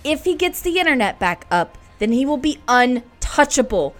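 A woman's voice: high voice, big pitch swings, normal speed, soft background music. A woman playing a tough, commanding, foul-mouthed survivor leader, blunt and sardonic, in an audio drama. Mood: urgent, commanding.

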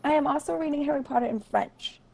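A woman's voice: high voice, quick pace, creaky, a crowd in the background. A young woman hosting a casual podcast chat, bubbly and giggly, often trailing off. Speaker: podcast host.

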